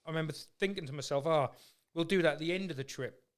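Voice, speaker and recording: An English man hosts a podcast, chatting in a rambling, informal and supportive way during a casual conversational interview. His voice is a little high and he speaks fast.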